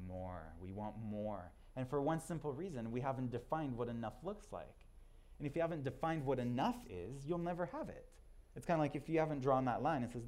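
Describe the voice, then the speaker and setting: A man from Israel with Hebrew as his first language speaks to a live audience in a loose, conversational way, often restarting his sentences. His pitch sits in the middle range, and at times he drifts a little further from the mic. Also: darkish tone. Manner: conversational, self-deprecating, halting restarts.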